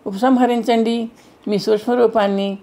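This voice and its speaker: A woman voicing a calm, kindly male wind god in an audiobook, speaking in a gentle, measured, reassuring way. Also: fairly high pitch, lightly acted.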